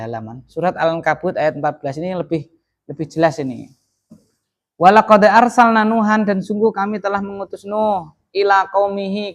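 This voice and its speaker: This man teaches, his voice pitched high for a man. He keeps asking the class questions and then answers them himself. He reads Arabic verses slowly and translates each one. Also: a bit bright. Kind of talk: classroom lesson.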